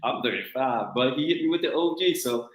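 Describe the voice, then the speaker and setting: A man's voice: mid-range voice, a little fast. A middle-aged man, hosting a casual talk show and telling stories with acted-out quotes and frequent laughs. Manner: animated storyteller, acts out quotes, laughs often. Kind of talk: casual chat. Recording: roomy echo.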